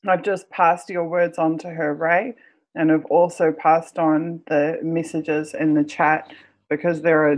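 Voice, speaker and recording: A host with a croaky, froggy voice addressing supporters on a livestream in an earnest, halting way. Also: medium pitch, low-quality recording.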